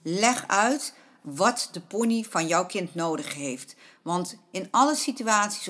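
A middle-aged woman speaks to parents about their children and ponies in a slightly low voice. She is earnest and keeps returning to the same points. Her tone is that of a patient riding coach. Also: a bit bright. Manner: earnest, repeats points, acts out a panicking child's voice. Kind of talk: spoken advice to parents.

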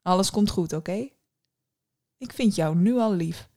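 A woman voicing a young prince, doting, cheerful and self-absorbed, who speaks brightly and eagerly. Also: mid-range voice, unhurried.

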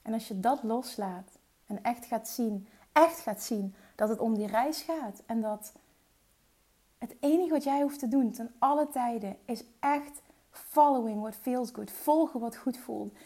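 Woman motivational coach, earnest and encouraging, warm mellow voice, English phrases in her speech. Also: fairly high pitch, a little slow. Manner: earnest and coaching, drops into soft whispers. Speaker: entrepreneur and mindset coach. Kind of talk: motivational talk.

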